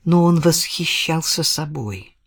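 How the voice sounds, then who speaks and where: A woman's voice: low voice, expressive, slow pace, husky, no room sound, studio quality. A woman narrating a detective novel as an audiobook reader, voicing the characters in the dialogue. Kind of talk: audiobook reading.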